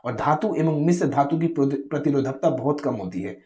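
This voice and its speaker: A man leads an exam-preparation lesson in a coaching tone, talking straight to his viewers. He poses a question, then answers it himself, going over the same point several times. His voice sits at an ordinary middle pitch. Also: lively intonation, a little fast, darkish tone. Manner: repetitive, keeps asking rhetorical questions then answering; addresses viewers directly in a coaching tone.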